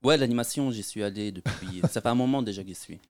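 A man from France answering a podcast host's questions in short, calm replies. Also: on the low side, quick pace. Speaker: guest. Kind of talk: casual interview answers.

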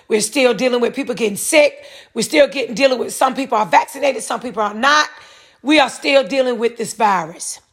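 A woman with a slightly high, husky voice hosts a solo podcast. She reads a news article aloud, then rambles through offhand commentary, repeating herself and correcting her words.

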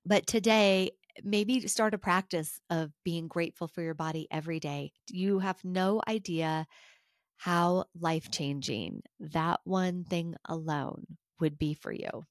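A woman's voice: on the low side, measured pace, no room sound, clean studio sound. A woman hosting a solo podcast, talking earnestly and encouragingly and asking her listeners questions. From United States. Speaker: podcast host. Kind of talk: reflective solo podcast talk.

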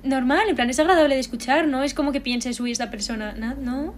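A young woman interviewing someone in a relaxed, chatty way, passing on questions from fans. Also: high-pitched, brisk, slight background noise. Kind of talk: casual conversation.

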